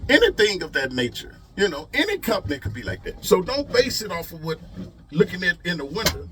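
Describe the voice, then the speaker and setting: A trucker vlogger gives casual motivational advice, emphatic and folksy, with repeated rhetorical questions. His voice sits high, and background noise is present.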